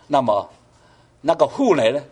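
A man's voice: medium pitch, very animated, moderate pace, darkish tone, husky. A man preaching a sermon, asking the congregation rhetorical questions and pushing his voice up for emphasis. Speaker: pastor.

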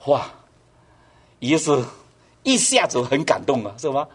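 A man's voice: mid-range voice, very animated, measured pace, breathy edge. A man preaching a sermon, asking the congregation rhetorical questions and pushing his voice up for emphasis. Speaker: pastor.

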